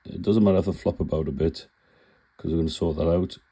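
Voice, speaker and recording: In a laid-back model-building tutorial, a congested man with a cold explains his build plainly, correcting himself along the way. He talks fast in a low, dark, slightly rough voice with fairly even intonation.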